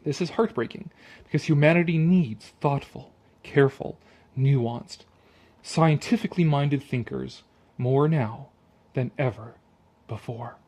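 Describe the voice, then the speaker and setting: Speaking at a measured pace in a mid-range, darkish voice, a tipsy man delivers exasperated, sarcastic commentary for a video. He's emphatic and curses freely as he riffs.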